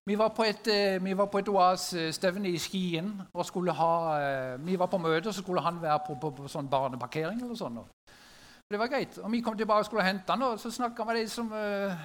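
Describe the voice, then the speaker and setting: A man's voice: high-pitched, a bit bright, a little hiss or hum. A middle-aged man telling a story to a gathered audience in a conversational way, often turning to his listeners with little questions.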